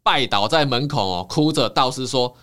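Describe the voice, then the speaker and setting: A man, a counseling psychologist telling a folk tale in a lively, dramatic way on a podcast. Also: mid-range voice, normal speed. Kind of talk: animated storytelling in a podcast.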